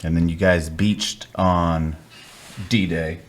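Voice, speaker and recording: A man's voice: sits low, steady tone, slow, a little hiss or hum. A man hosting a podcast, talking casually and conversationally with a guest. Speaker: podcast host, military veteran.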